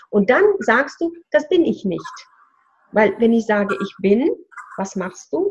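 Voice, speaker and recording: A woman's voice: a little high, breathy edge, lo-fi sound. A woman giving instructive coaching advice in a casual conversation. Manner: explaining, instructive. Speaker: spiritual coach. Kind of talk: coaching talk.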